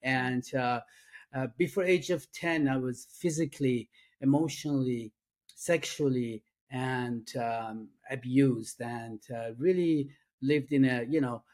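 A middle-aged Persian-speaking man with an Iranian accent, speaking as an interview guest. He talks at an ordinary pitch for a man, soft-spoken and earnest. His sentences stop and restart, padded with fillers. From Iran. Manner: halting, many fillers and restarts. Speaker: guest, addiction and trauma coach. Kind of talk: casual interview.

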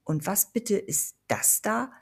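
A woman's voice: mid-range voice, animated, normal speed, mellow, husky, voice pushed up. Mark, a woman reading a jumpy young man. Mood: anxious. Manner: anxious and shaky.

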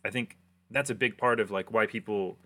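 A young American man hosting a relaxed, rambling chat with an old friend, full of fillers. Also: lowish voice, moderate pace. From United States. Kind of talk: casual chat.

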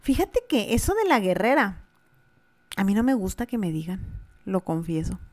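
A woman's voice: mid-range voice, sing-song, moderate pace, darkish tone. Earnest Mexican woman, candid talk. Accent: Mexican Spanish. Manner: candid, earnest, many fillers. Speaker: podcast co-host, mother. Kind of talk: casual conversation.

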